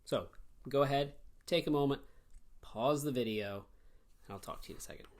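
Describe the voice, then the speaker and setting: A man teaching an online English grammar lesson, explaining step by step in an animated way. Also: mid-range voice, fairly quick.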